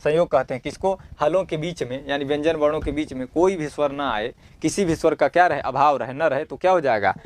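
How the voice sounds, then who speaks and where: A man's voice: a little high, brisk, hardly any pauses. A male Sanskrit teacher going through a model exam paper. He reads Sanskrit lines aloud, explains them in plain Hindi, and keeps asking the class questions that he answers himself, in a homely, encouraging way. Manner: homely and encouraging, with everyday comparisons.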